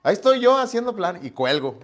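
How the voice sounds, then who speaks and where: Lively preacher telling stories. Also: male voice, sits high, a little fast. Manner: storytelling, acts out dialogue with lively shifts. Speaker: pastor. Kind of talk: sermon.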